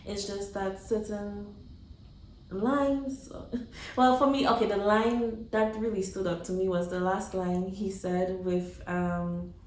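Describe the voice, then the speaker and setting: A woman co-hosting a casual movie review chat, talking haltingly with many fillers. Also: medium pitch, fairly even intonation, recorded from a distance. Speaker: co-host of a movie review show. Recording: echoey room, a bit off-mic, faint noise.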